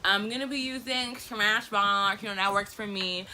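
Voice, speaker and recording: A woman's voice: mid-range voice, moderate pace, bright, forceful tone, slight background noise. A woman, chatting casually and animatedly in slangy bursts while she does her makeup. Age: 20s. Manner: talking distractedly while applying makeup. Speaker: vlogger. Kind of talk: casual get-ready-with-me chit chat.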